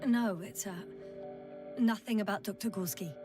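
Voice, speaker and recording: An actress voices a composed female field doctor, a scientist on a planet mission in a video game, who gives clipped, matter-of-fact reports in a focused mood. Her voice is medium-pitched, moderately paced and close to everyday speech. The game audio has a distant mic with music underneath.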